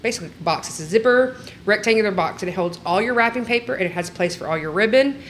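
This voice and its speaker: A woman's voice: mid-range voice, expressive, fast, slight background noise. A woman co-hosting a podcast, chatting casually and explaining things step by step, close to the microphone. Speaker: podcast co-host. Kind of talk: casual chat.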